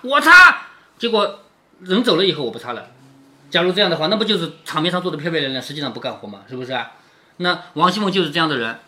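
A man's voice: high voice, pushed and bright. A man reading a classic novel aloud to his daughter and explaining it, often asking "isn't it?". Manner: keeps asking rhetorical "isn't it?".

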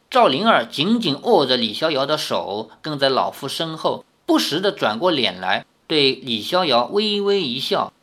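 A storyteller reading a martial-arts novel aloud, with a very animated, swinging delivery and a middle pitch. Now and then the reader breaks off to add a casual comment of their own.

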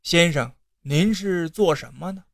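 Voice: mid-range voice, a little slow, vocal fry, no room sound, studio quality. A narrator voicing a wheedling old county secretary. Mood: pleading. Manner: persuasive, tearful, sudden outbursts. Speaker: con man posing as secretary.

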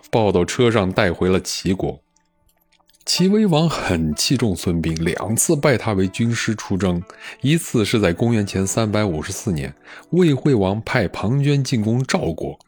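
A man narrating a historical story in an expressive, conversational storytelling manner. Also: fairly low pitch. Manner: expressive, conversational with drawn-out particles.

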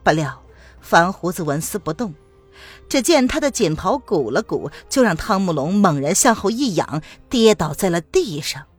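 A woman narrating a martial-arts novel aloud as an audiobook, with expressive storytelling. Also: fairly low pitch, moderate pace, breathy edge, soft background music.

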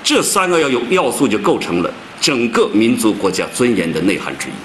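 A man's voice: big pitch swings, a little fast, a bit bright, slight background noise, low-quality recording. A man giving a public lecture, stressing his words with big rises and drops. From China. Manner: emphatic, swings pitch widely for stress.

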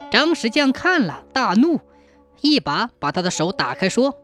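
A storyteller narrating a folk tale in a dramatic, expressive manner. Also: mid-range voice, moderate pace, soft background music.

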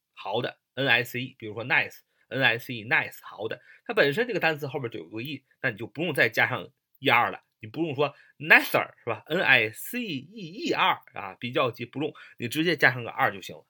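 Male English teacher, bright husky tone, lively delivery, spells out words and hesitates often. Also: mid-range voice. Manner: spells words letter by letter, many fillers. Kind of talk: explaining grammar lesson.

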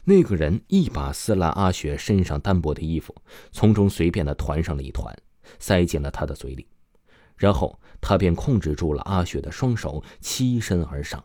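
Deep-voiced man narrating true crime, very animated pitch. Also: dry recording, studio quality. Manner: dramatic storyteller phrasing with drawn-out sentence particles.

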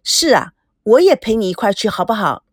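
A woman's voice: medium pitch, very animated, slightly rough, no echo, clean studio sound. A woman reading aloud and voicing a playful, cheerful young woman with a teasing way of talking. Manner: teasing, bright, quick.

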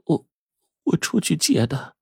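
A man voicing a middle-aged country wife who trembles and sobs as she pleads, his voice pushed high. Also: very animated, a little slow, creaky, slightly rough, dry recording, clean studio sound, full character voice. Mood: pleading. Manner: trembling, sobbing, high-pitched.

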